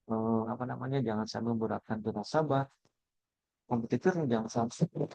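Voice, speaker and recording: A man's voice: medium pitch, brisk, vocal fry, dark tone, no room sound, rough recording. A man giving an online training talk over a video call. His connection fades and cuts out, and his speech breaks up. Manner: polite, repeatedly addressing the listener as ma'am. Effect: call audio fading and cutting out. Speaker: trainer on Islamic gold pawning.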